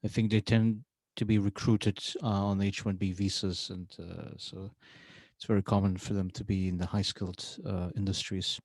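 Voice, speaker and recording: A man hosts a casual podcast interview in a fairly low voice, pausing often and filling the gaps with uh. The recording is dry and close, with no room sound around him. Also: level tone, darkish tone, no echo. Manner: hesitant, many uh fillers. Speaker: podcast host. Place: university setting.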